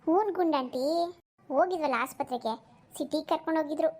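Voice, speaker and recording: A woman's voice: high-pitched, fast, darkish tone, natural voice. A woman voicing a meek young new mother.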